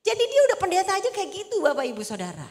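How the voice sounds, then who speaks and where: A woman evangelist giving a lively, casual sermon in a church, chatty and teasing with the congregation. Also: very high voice, racing. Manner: chatty, teasing, coaxes the congregation to repeat after her. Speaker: evangelist preacher. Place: church hall. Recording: echoey church hall.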